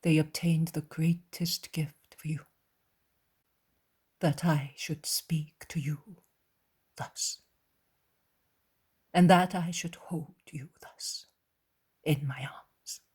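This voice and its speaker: Jesus, as a woman reads him, soft and husky. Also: sits low, fairly even intonation, very slow, long pauses, exaggerated voice. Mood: tender. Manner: soft, hushed, tender. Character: gentle, calm Jesus, a grown man.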